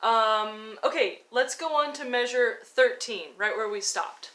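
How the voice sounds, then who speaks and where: Coaching informally and encouragingly, this woman teaches violin, explaining fingerings and counting them out while demonstrating. Her voice sits on the high side, unhurried and fairly bright.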